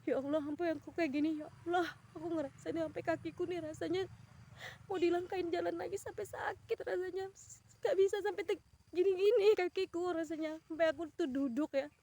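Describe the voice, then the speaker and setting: A woman's voice: extremely high pitch, steady tone, fairly quick, dark tone. A woman vlogger retelling a personal experience with earnest emotion, full of exclamations and broken-off restarts.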